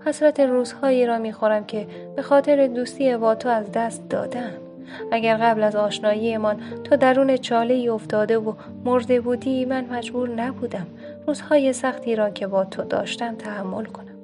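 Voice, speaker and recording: A woman's voice: fairly high pitch, steady tone, music in the background, lightly acted. A woman voicing a sly, scornful fox in a told folk tale, speaking in a mocking, reproachful way.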